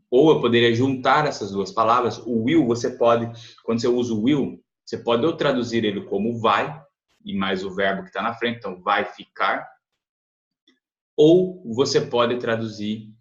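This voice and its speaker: A Brazilian man with a lowish voice explains English phrases to learners, translating piece by piece and slowly repeating words to model pronunciation. His voice sounds a bit dull and lo-fi, with a noticeable echo from the room. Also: a bit bright. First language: Portuguese. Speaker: English teacher. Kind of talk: language lesson, translating and explaining. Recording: echoey, dull lo-fi room recording.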